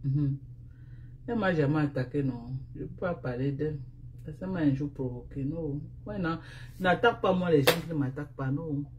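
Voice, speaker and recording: A woman's voice: deep voice, normal speed, darkish tone, dull audio, slight background noise. A woman with a Cameroonian French accent chatting casually on a live stream, speaking into a phone. She teases and scolds in repeated refrains. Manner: repetitive, teasing, scolding refrains.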